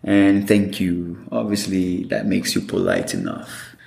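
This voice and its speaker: In a storytelling interview, a guest with a Brazilian Portuguese accent spins animated stories and performs quoted dialogue. His voice is deep and unhurried, with vocal fry, and the sound is roomy.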